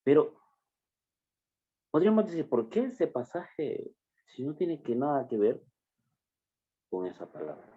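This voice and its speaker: A man preaching a sermon, addressing the congregation as brothers and stressing phrases slowly and emphatically. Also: on the high side, big pitch swings, mellow, husky. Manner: slow, emphatic preaching with drawn-out words. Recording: dull lo-fi recording.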